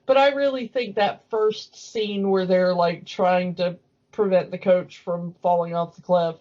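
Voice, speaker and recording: A podcast host with a lowish, steady, unhurried voice chats casually and enthusiastically about cartoons. The audio is dull and lo-fi.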